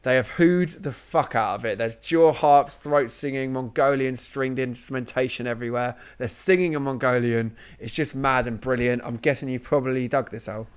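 A man's voice: medium pitch, moderate pace, hardly any pauses, smooth. A man hosting a music review podcast, chatting casually and enthusiastically, swearing freely as he moves through the tracks. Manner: enthusiastic, sweary, leads the running order. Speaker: podcast host.

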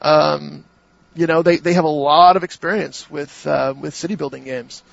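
A man hosts a laid-back gaming podcast in a fairly high, gravelly voice, often stopping and restarting his thoughts. The sound is dry and slightly dull. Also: steady tone, moderate pace, no room sound. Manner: hesitant, many restarts and fillers. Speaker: podcast host. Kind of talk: casual gaming podcast chat.

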